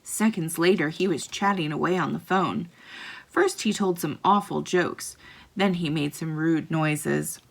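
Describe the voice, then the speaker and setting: A woman reads a children's story aloud and narrates it in the first person. Her voice is lowish and her pace is slow and deliberate. She tells the story with expressive flair. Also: gravelly. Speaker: children's book reader.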